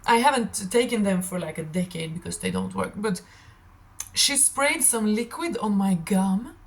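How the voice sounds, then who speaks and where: A young woman whose first language isn't English hosts a tarot reading stream, chatting and telling stories in a scattered, animated ramble. Her voice is slightly raspy and medium-pitched, and she keeps a moderate pace.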